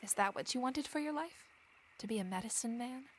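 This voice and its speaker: A woman's voice: fairly high pitch, expressive, fairly quick, breathy edge. A woman playing a free-thinking young Regency lady in a stagey period drama, genteel and questioning. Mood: curious, playful.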